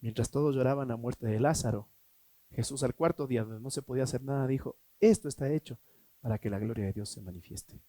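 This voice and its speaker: A man preaching a sermon as pastor, emphatic, swinging between loud and hushed, asking rhetorical questions. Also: mid-range voice, a little fast, dry recording. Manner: acts out quoted voices in a mocking tone.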